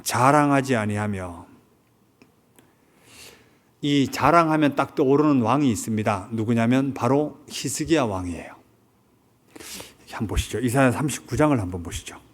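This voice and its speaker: A man's voice: medium pitch, animated, normal speed, long pauses. A male pastor gives a Sunday sermon from a church sanctuary. His voice sits in a middle range. He retells a story and keeps checking whether his listeners follow. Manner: retells a film story, asks the congregation questions.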